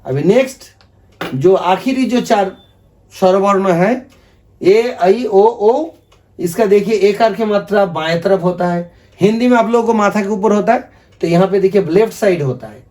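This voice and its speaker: A native Bengali-speaking man teaches the alphabet in a video lesson explaining the script, patiently repeating and asking viewers to say things after him. His voice is high with a darkish tone, at a normal speed.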